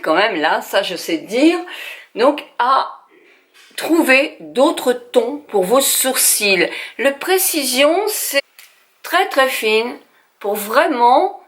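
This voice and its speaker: Chatty older woman doing a makeup tutorial. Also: on the high side. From France. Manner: chatty, hesitant, addresses viewers directly. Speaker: beauty vlogger. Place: at home.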